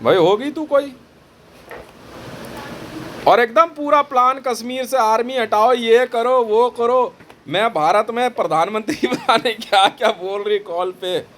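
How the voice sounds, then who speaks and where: A man with an unusually high voice recounts a dramatic story in a lively monologue. He sounds boastful and acts out the dialogue as he tells it. A faint noise sits behind him. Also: unhurried. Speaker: vlogger recounting phone calls.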